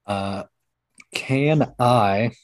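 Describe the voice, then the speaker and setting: A man's voice: mid-range voice, very slow. A man playing a tabletop game, thinking aloud and hesitating as he talks. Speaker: player. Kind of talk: casual tabletop play.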